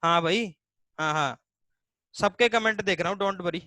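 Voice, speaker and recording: A man's voice: sits high, measured pace, pushed and bright, no echo. A man teaching a live online Hindi class, explaining step by step, voicing students' questions himself and stretching vowel sounds to demonstrate them.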